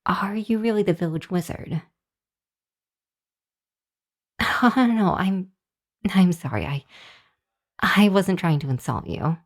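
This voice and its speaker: Voicing a young hellhound girl in an ASMR roleplay, a woman sounds surprised and apologetic, stammering hesitantly as she speaks to the listener. Her voice is on the low side, expressive and unhurried.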